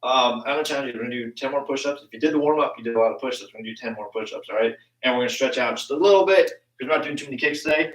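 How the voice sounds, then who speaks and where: A young martial arts instructor live-streams a class from his home basement, speaking very fast with hardly any pauses in a mid-range, slightly bright voice. He's casual and chatty and says um a lot. The room is echoey and he's far from the mic.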